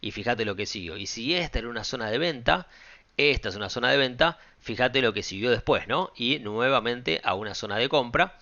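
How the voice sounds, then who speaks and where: A man with a Rioplatense Spanish accent walking viewers through a trading software tutorial in a casual, direct way, often checking in with the listener. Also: mid-range voice, animated, fairly quick. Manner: casual, direct, frequent check-ins and fillers. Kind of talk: screen-share software tutorial. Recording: dull lo-fi sound.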